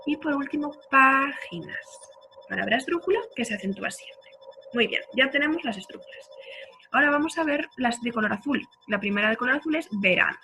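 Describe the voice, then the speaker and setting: Woman, teacher, children's lesson, higher voice, drawn-out example words, music behind. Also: vocal fry, pushed and bright, rough recording. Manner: checks in with the listener often. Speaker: primary school teacher. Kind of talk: recorded grammar lesson.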